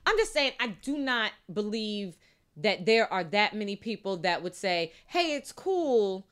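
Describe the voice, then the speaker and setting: A woman's voice: medium pitch, moderate pace, clear, resonant tone. A woman co-hosting a podcast in casual chat, leading the talk and acting out scenarios for the others. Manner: animated, leads the talk, acts out scenarios. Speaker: podcast co-host.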